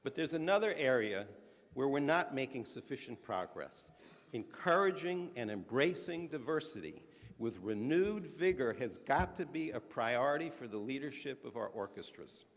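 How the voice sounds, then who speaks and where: A man giving a measured, earnest speech at a conference, stressing his points, now and then restarting a phrase. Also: mid-range voice, sing-song. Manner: earnest, measured, emphatic delivery with occasional restarts. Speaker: conference speaker. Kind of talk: prepared speech to an audience. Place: conference hall. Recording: large hall with long reverb.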